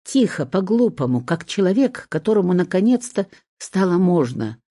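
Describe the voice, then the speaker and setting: A woman reading a first-person story aloud, in a soft, expressive way. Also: fairly low pitch, moderate pace, no echo, clean studio sound.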